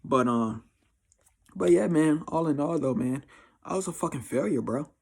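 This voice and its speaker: This vlogger, a man of twenty-four with an American accent, offers life advice in a casual, confessional monologue to camera, blunt and slangy with frequent repeated phrases. His fairly high, animated voice moves at normal speed, with vocal fry, a darkish tone, and slight roughness.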